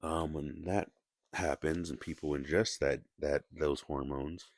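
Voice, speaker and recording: A man with a very deep voice talks in a halting, restarting way, his words full of gravelly fry. He keeps his voice low and quiet. The sound is dry and close, with no room echo. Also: fairly even intonation. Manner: halting, many restarts and fillers, kept quiet. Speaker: video essayist. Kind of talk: casual solo commentary.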